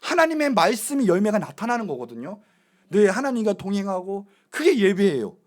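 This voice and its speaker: A man preaches from the pulpit of a church, his voice pitched high and swinging widely up and down. He presses his points with rhetorical questions aimed straight at the congregation. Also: very animated, fairly quick. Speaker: pastor. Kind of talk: sermon. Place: church sanctuary.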